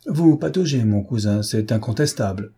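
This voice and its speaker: A man's voice: mid-range voice, expressive, moderate pace, mellow, husky. A man voicing a witty, ill-mannered young woman who teases in a mock-formal, ironic way, in an audiobook. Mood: teasing. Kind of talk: audiobook character voice.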